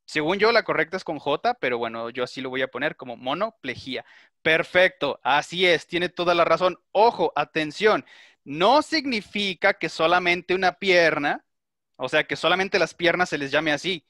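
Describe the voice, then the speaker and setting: Male instructor, middle-aged, slightly high and bright voice, methodical lecturing style. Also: lively intonation, normal speed, no echo, clean studio sound. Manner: methodical, explains step by step and checks understanding. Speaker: teacher. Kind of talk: online class lecture with questions to students.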